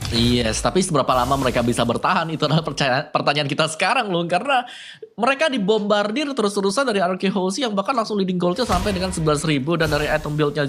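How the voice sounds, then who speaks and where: A man's voice: sits high, fairly bright tone. A man with an Indonesian accent giving analytical commentary on an esports match. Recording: clear background noise with clicks.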